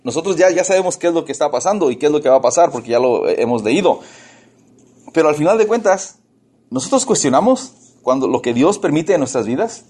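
A male pastor with a somewhat high voice gives a lively, conversational sermon. He speaks straight to the congregation and asks them rhetorical questions. Now and then he slips into the voices of people who complain. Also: brisk, husky.

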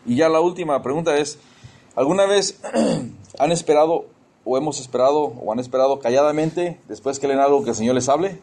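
A man's voice: a little high, a little fast, darkish tone. A man preaching an informal sermon, talking conversationally, asking his listeners questions, stumbling and restarting, and tossing in English exclamations. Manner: conversational, addresses listeners as brothers, asks questions.

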